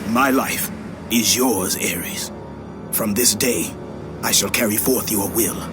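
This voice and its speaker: An actor playing a fierce, vengeful young Spartan warrior in a video game, intense and declamatory. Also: male voice, fairly low pitch, takes it slowly. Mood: grim submission. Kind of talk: dramatic video game cutscene acting. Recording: loud music behind the voice.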